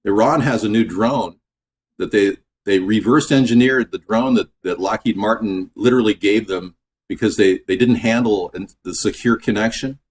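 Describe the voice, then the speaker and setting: A man hosting a casual home cooking video in his kitchen, chatting in a relaxed, rambling way that drifts off topic. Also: lowish voice, moderate pace. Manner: relaxed, filler-heavy talk. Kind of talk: casual cooking vlog chat.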